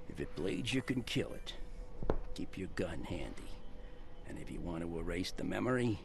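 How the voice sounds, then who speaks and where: A gruff old tavern keeper in a video game. His voice is deep and gravelly, guarded and weary, with faint ambience behind. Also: animated, moderate pace, noisy background. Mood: gruff, wary. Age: older. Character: gruff, wary old barkeep of a flooded town. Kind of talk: scripted video game character acting.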